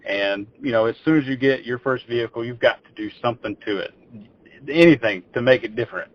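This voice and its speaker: A podcast guest from Texas, a man in his 20s, rambles casually through his story, often repeating words as phrases begin. His voice is medium-pitched and brisk, heard through dull lo-fi audio.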